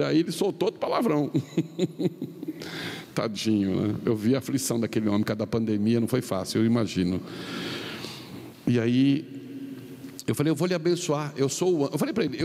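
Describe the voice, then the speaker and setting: A middle-aged Brazilian man preaching as a pastor, telling a story with quoted dialogue and swinging his pitch up and down. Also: animated, moderate pace, pauses often, darkish tone. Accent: Brazilian Portuguese. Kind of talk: sermon storytelling. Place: large arena. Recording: long reverb of a large arena, faint noise.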